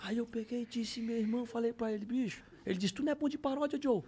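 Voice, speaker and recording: A man's voice: very high-pitched, fairly even intonation, fast, mellow, slightly rough. A man, telling stories on a podcast in casual, slangy chat and bursting into sung parodies. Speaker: podcast guest, comedian.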